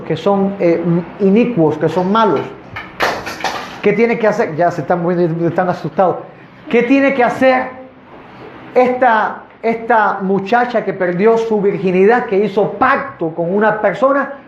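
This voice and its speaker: A man's voice: high voice, a little hiss or hum. A male pastor preaching a sermon to a congregation in a church. He asks the listeners rhetorical questions and speaks to them directly. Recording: echoey, dull church recording.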